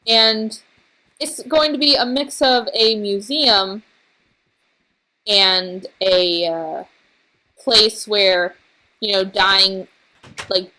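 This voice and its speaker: A tired woman talks her way slowly through a building game, still recovering from being sick. She rambles in a halting way, trailing off and picking her thoughts back up. Her pitch sits in an ordinary middle range. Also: bright, forceful tone, rough recording. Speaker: let's play host. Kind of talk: casual gameplay commentary.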